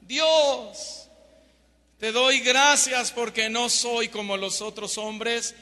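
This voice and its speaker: Boastful Pharisee praying aloud, as a preacher puts him on, high bright voice, reverb. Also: male voice, steady tone, extremely slow, exaggerated voice. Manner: boastful, declaiming. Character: proud self-righteous male Pharisee praying aloud. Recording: long hall reverb.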